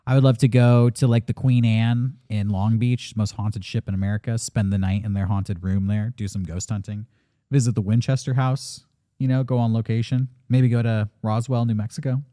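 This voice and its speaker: A man's voice: fairly low pitch, level tone, normal speed, dark tone, dry recording, clean studio sound. A man in his late thirties, a podcast co-host talking candidly and reflectively in casual chat, swearing now and then. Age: 30s.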